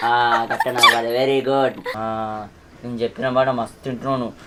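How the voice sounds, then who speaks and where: An actor with a Telangana accent playing a boastful, slurring drunken village husband. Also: male voice, medium pitch, flat delivery, fast talker, heavy background noise, natural voice. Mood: wheedling. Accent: Telangana Telugu. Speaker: actor in a village comedy drama.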